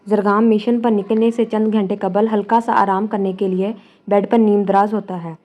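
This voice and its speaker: A woman narrating a novel as an audiobook, in a calm, even storytelling manner. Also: mid-range voice. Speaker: novel reader.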